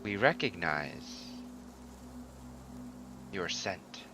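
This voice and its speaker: A man's voice: low voice, sing-song, drawn-out words, over music, exaggerated voice. A man doing a dreamy, distant ethereal wolf spirit. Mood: serene. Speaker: game master.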